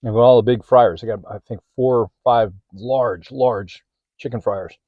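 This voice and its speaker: A man's voice: mid-range voice, moderate pace, dry recording, narrow, tinny audio. Chatty man tasting food on camera. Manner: chatty, eats while talking, mouth full at times. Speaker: food vlogger. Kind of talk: casual food tasting vlog. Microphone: handheld phone or camera.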